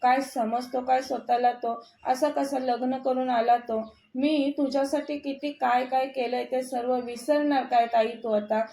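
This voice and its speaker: A woman's voice: sits high, steady tone, a little slow, gravelly, mellow. A woman voicing a hot-tempered middle-aged man who angrily threatens his sister, in an echoey room. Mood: angry. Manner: angry and threatening.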